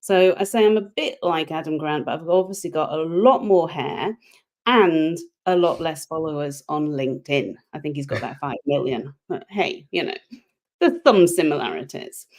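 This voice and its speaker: A UK-raised organizational psychologist joins a podcast as a guest over a remote call, chatting casually in interview style. Her low voice is animated at a normal speed, and she uses self-deprecating humor and often repeats words.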